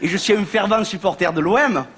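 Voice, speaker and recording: A man's voice: sits high, fast talker, fairly bright tone, breathy edge. A male comedian, half speaking and half singing a comic sketch. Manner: half spoken, half sung.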